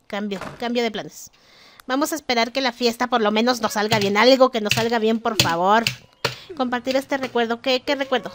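Chatty high-voiced woman. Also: background noise. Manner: chatty, exasperated, jokes with game characters. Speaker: gaming vlogger. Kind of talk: casual gameplay commentary.

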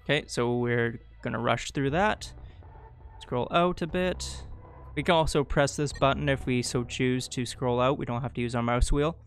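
A man's voice: mid-range voice, normal speed, clear, resonant tone. A man giving a casual, rambling tutorial while playing a strategy game, often correcting himself mid-sentence. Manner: rambling, self-correcting, chatty asides. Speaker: gameplay guide host. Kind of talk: casual gameplay tutorial commentary.

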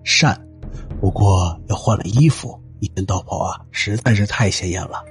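In an audio drama, a man plays a gentle, courteous, thoughtful Taoist cultivator, speaking formally and deliberately in an agreeable, measured mood. His voice sits low, with soft music in the background.

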